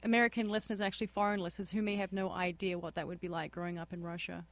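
A woman's voice: on the low side, little pitch movement, very fast, dry recording. Woman, radio host, studio interview, dry sound, friendly questioning.

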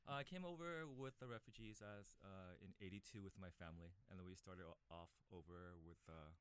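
A man's voice: sits low, brisk, a bit bright, smooth, no room sound. A man from Vietnam, a middle-aged shop co-owner and guest, speaking plainly and a little hesitantly. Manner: plain, hesitant, simple phrasing. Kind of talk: casual interview.

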